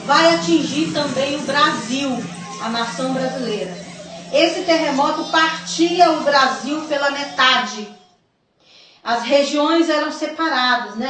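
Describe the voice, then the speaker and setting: A woman's voice: high-pitched, fairly bright tone, very echoey. Brazilian woman missionary, earnest testimony, recorded far from the mic. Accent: Brazilian Portuguese. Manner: earnest, addresses listeners as brothers. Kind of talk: religious testimony.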